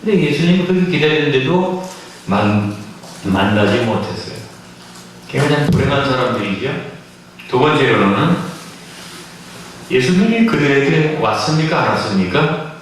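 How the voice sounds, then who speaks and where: Recorded from afar in an echoey church sanctuary with slight background noise, a man delivers a Christmas sermon in an expressive, medium-pitched voice. He speaks at normal speed but pauses often, pressing his points emphatically with rhetorical questions to the congregation.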